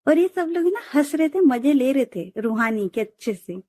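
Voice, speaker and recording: A woman's voice: sits high, sing-song, moderate pace, mellow, no echo, clean studio sound. A woman storyteller narrating a story in a chatty, friendly way, talking to listeners like friends.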